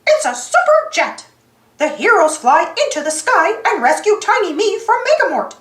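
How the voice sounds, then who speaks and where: A woman plays a cheerful little cartoon mouse hero, very high and eager. He exclaims his way through a storybook adventure with wildly swinging pitch, in a roomy echo. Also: big pitch swings, normal speed, fairly bright tone, exaggerated voice. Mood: upbeat.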